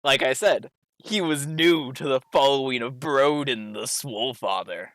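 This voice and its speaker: A man's voice: medium pitch, measured pace, fairly bright tone, dry recording. A man narrating a tabletop game casually as the game master.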